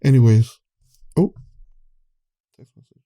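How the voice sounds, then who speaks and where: Taking it slowly, a man with a dark-toned voice rambles candidly through a casual monologue on his own podcast. He frequently trails off and restarts, and his voice wears tired.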